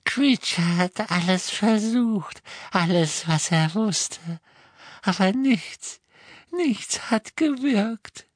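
A woman voicing a miserable old male house-elf in an audiobook, talking in a halting, sobbing way. The recording is close and dry. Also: mid-range voice, expressive, dry recording. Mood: despairing. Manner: sobbing, halting, slow and heavy. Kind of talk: audiobook character reading.

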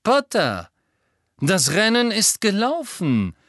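A man voicing a sneering aristocratic male dark wizard who drawls and mocks in an audiobook. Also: high-pitched, wildly swooping pitch, takes it slowly, no room sound, clean studio sound, pitched above the performer's own voice, full character voice. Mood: drawling sneer. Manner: drawling, mocking. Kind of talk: audiobook character voice.

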